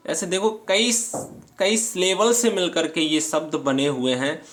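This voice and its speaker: Slow, patient male English teacher. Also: on the high side, a bit bright. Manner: slow, patient, reads English lines aloud then explains; checks in often with "theek hai". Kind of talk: grammar lesson explained in Hindi.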